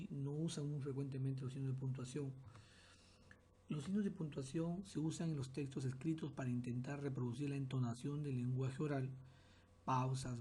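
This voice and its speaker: A man delivers a recorded class lecture in a mid-pitched, warm and mellow voice. He explains step by step and now and then restarts a phrase. A faint hiss sits under the recording.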